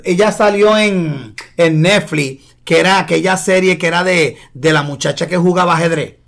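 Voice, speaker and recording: Male podcast host, gravelly and slightly high voice, animated and code-switching. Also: normal speed. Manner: animated, mixes Spanish and English. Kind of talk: casual chat.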